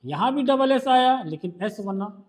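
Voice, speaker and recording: A man's voice: very high voice, expressive, measured pace. A male shorthand teacher with a Hindi accent, patiently quizzing a student during one-on-one tutoring.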